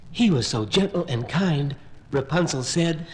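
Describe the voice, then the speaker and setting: Lively man narrating a fairy tale. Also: fairly high pitch, a little slow, poor audio. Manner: expressive, storytelling. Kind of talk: scripted storybook narration. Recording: vintage children's record with faint music.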